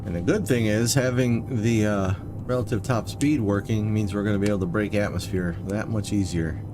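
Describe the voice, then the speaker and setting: With music behind him, this man speaks at a normal speed in a fairly low voice. He's a livestreaming gamer who casually walks chat viewers through his game while playing, relaxed and hiccuping slightly.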